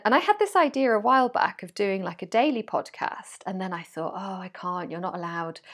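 A woman's voice: medium pitch, a bit bright. A woman from Wales, a life coach hosting her podcast in a chatty, rambling way with frequent laughter. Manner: chatty and rambling, laughs often, self-deprecating. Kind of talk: casual solo podcast talk.

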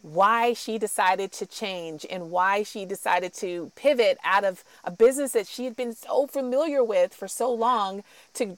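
A woman's voice: mid-range voice, no echo. A woman hosting an interview, encouraging and upbeat as she speaks to the guest and to the audience. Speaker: podcast host.

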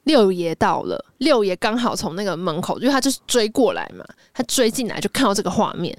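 Fast-talking woman retelling a story. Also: medium pitch, big pitch swings, no room sound, studio quality. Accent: Taiwanese Mandarin. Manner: retells a drama plot, acting out characters' lines. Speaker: podcast co-host. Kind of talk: casual storytelling chat.

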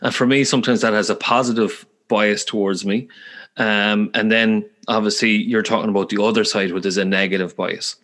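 A man's voice: fairly low pitch, steady tone, brisk, a bit bright. A man with a Galway Irish accent hosting a conversational interview, speaking in a careful, thoughtful way. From west of Ireland. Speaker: podcast host, interviewer.

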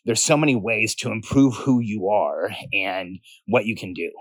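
Low-voiced man podcasting from his backyard. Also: lively intonation, normal speed, no echo, rough recording. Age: 40s. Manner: talking casually from a backyard; earnest, repeats phrases for emphasis. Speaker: podcast host. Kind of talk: informal solo podcast monologue. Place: outdoors in a backyard by a pool.

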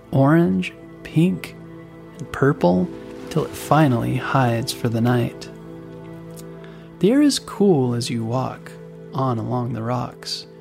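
Slow-paced man guiding a relaxation. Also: mid-range voice, vocal fry, darkish tone. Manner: unhurried, soothing delivery with pauses. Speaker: guided meditation narrator. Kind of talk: scripted guided relaxation narration. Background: music bed.

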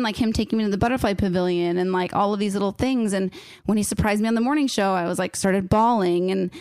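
A woman's voice: medium pitch, dry recording, clean studio sound. A woman in her thirties chatting casually, rambling and emotional, with "like" in every sentence. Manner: rambling, says "like" constantly, emotional. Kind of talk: casual chat.

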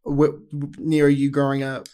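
A man co-hosting a podcast, telling lively, profane stories in casual chat. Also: on the high side, a little slow. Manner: animated, swearing, laughing storyteller. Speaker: podcast co-host.

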